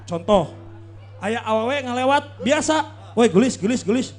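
A Sundanese-accented man with a very high voice delivers comic stand-up talk, lecturing playfully and landing punchlines. Music plays faintly behind him on the live stage. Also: lively intonation, moderate pace. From West Java, Sunda. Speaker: comedic performer.

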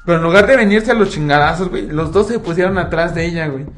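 A young adult man with a Mexican accent tells a long story in casual chat, full of slang and profanity and saying "güey" constantly. His voice is on the high side and fast, with faint music playing behind him.

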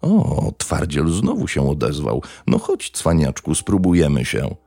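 Guy putting on a drunk local thug, young, crude and taunting, gravelly low voice. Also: huge pitch swings, unhurried, dark tone, no echo, clean studio sound, heavily acted.

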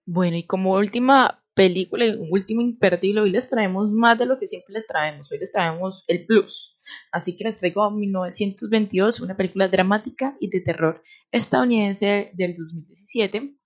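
A female co-host presents film picks informally. Her medium-pitched voice comes through a slightly dull, lo-fi recording. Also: normal speed. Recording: dull, lo-fi audio.

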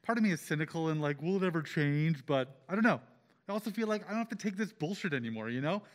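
Sarcastic young roommate, mid-to-low pitched, brash yet devoted, natural live drama reading. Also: female voice, expressive, fast. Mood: defiant, reflective.

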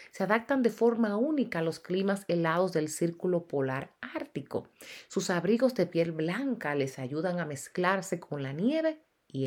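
Lively-voiced woman translating a sermon. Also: on the low side. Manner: emphatic, preacherly delivery.

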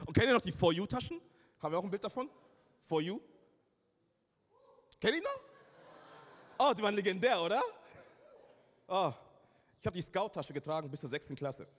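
A man in his thirties preaching a lively sermon to a live congregation, joking and asking them questions as he tells stories. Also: on the high side. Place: church service before a live congregation. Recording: reverberant hall.

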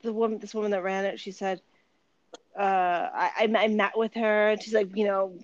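Animated middle-aged woman from Detroit. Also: medium pitch, moderate pace, no room sound. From Detroit, United States. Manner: animated, laughing, acts out voices in her stories. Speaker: guest. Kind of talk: casual storytelling interview. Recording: dull, lo-fi and dry.

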